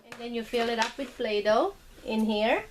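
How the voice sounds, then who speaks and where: A mother plays with her toddler son at home, speaking to him in simple, patient words. Her voice is a little high and her pace moderate, captured on a noisy home video of casual play.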